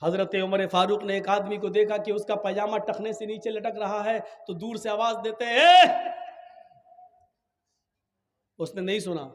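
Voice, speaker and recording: A man preaching a sermon, swinging from calm storytelling to shouted exhortation and acting out dialogue in his stories. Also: high voice, in a large hall.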